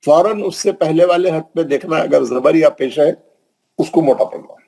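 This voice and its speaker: Man teaching recitation, husky, mellow, asks and answers his own questions, slow drawn-out examples. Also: a little high, poor audio. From Hyderabad, India. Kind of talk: classroom tajweed lesson.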